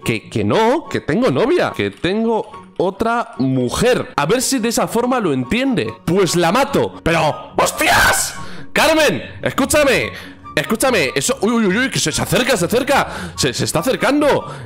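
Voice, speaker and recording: Excitable high-voiced man from Spain. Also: moderate pace, soft background music. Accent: Spain Spanish. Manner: excitable, exclaiming, teasing. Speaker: gaming YouTuber. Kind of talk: gameplay commentary. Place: at home.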